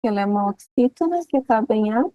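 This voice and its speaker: A woman's voice: fairly high pitch, expressive, quick pace, warm tone, dry recording, highs cut off. A woman, a student on a video call, asking questions and giving short replies to her tutor. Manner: brief replies and acknowledgements.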